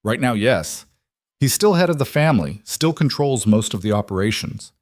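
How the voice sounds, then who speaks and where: A man's voice: mid-range voice, animated, normal speed, dry recording, clean studio sound, close to an everyday voice. A man reading the lines of a young mafia boss husband, tense, clipped and firm. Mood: strained.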